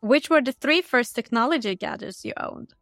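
A woman host reads scripted interview questions in an upbeat, orderly way. Her voice sits a little high. The sound is dry and close, with faint music underneath. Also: animated, normal speed, fairly bright tone, dry recording.

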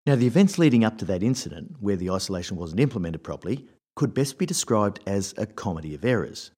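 A man gives workplace advice in a wry, conversational storytelling manner. His voice sits a little low. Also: very animated, fast, mellow, husky. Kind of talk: scripted advice talk with anecdotes.

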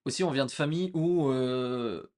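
A young man co-hosting a casual chat podcast, relaxed and hesitant, with many fillers. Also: medium pitch, normal speed. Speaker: podcast co-host.

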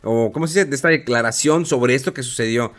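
A man's voice: medium pitch, quick pace, a bit bright. A man with a Mexican accent, talking casually and animatedly with slang, mocking other people in put-on voices. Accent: Mexican Spanish. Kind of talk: casual opinion chat.

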